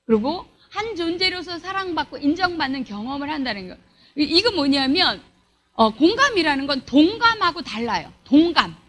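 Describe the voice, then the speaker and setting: Middle-aged woman lecturer, high bright voice, very animated delivery, quizzes the room. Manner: asks the audience questions and acts out sample dialogues. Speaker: church leader-training lecturer. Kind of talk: lively lecture to a church audience.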